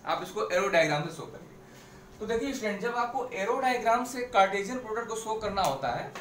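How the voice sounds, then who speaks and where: The teacher's voice is high and a bit bright, with lively intonation and a brisk pace, as he walks a maths class through the material at the blackboard step by step. He repeats important points and weaves in English phrases. Captured by a distant mic in an echoey room, with slight background noise.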